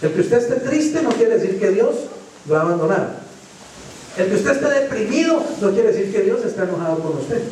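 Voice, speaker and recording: Colombian pastor preaching in an echoey hall. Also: male voice, sits high, big pitch swings, a little fast, a little mellow, slight background noise. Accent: Colombian Spanish. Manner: preaching with rhetorical questions to the congregation. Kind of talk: sermon. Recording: echoey church hall from far off.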